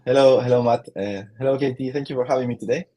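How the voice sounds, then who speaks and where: A man's voice: medium pitch, fast talker, warm tone. Chilean-accented man, hesitant and chatty. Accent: Chilean Spanish. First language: Spanish. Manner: hesitant, many fillers and restarts, laughs easily. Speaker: guest. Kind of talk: casual interview chat.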